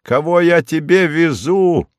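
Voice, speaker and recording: A man voicing an excitable, cheerful country gentleman in an audiobook, calling out loudly and jovially. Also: on the high side, slow pace, no echo, studio quality, voice pushed up. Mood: jubilant. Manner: loud, exclamatory, jovial. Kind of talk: audiobook character reading.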